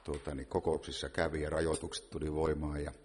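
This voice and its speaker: A man's voice: a bass voice, flat delivery, a little mellow, husky. A man from a visiting choir, talking in a joking, rambling way at a church service. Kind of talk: humorous talk at a church service. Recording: reverberant church hall with faint noise.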